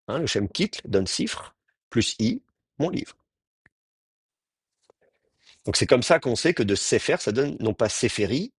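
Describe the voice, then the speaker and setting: Husky-voiced male language teacher. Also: on the low side, no echo, clean studio sound. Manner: patient, explanatory, with frequent restarts. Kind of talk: Hebrew grammar lecture.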